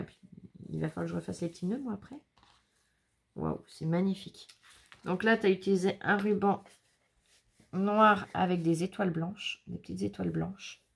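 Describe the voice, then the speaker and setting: A woman's voice: medium pitch, gravelly. A woman chatting casually as she unboxes handmade scrapbook albums, exclaiming and laughing often. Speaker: scrapbooking vlogger.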